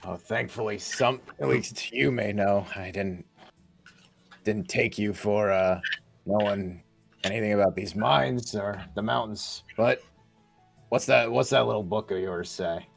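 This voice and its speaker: A man player speaks haltingly, pausing often. His voice is low and gravelly. Faint music plays behind him. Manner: hesitant, halting. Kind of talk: in-character tabletop play.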